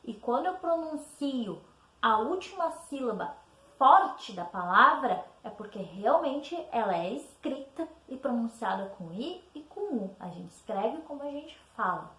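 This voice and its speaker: Brazilian woman teacher going over spelling exercises, high bouncy voice, echoey room. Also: very animated, unhurried, fairly bright tone. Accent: Brazilian Portuguese. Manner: explains patiently, checking in with "tá?". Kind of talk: recorded spelling lesson walkthrough.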